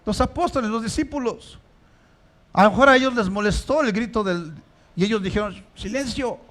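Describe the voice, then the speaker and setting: A pastor preaching a sermon in church, asking the congregation rhetorical questions and rising to emphatic stresses. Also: male voice, high voice, brisk, a bit bright.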